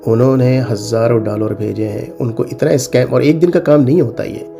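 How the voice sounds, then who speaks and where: With music playing behind him, a middle-aged cyber security consultant from Pakistan gives viewers casual advice in a gravelly, medium-pitched voice at a moderate pace. His accent is Pakistani, he mixes in English phrases, and he stresses his warnings by repeating them.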